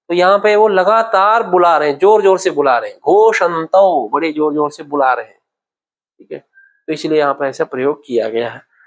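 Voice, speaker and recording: A man teaching Sanskrit grammar in a classroom, patiently repeating words and checking that students follow. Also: fairly high pitch. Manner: patient, repeats words slowly, asks "okay?" often. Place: classroom at a temple centre.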